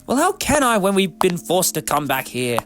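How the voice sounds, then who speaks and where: A man's voice: sits high, huge pitch swings, moderate pace, slight background noise, exaggerated voice. A man playing a fussy, eccentric time-travelling inventor in a fan audio drama, with a flustered, theatrical manner. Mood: reluctant, grumbling. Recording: voice over loud music and effects.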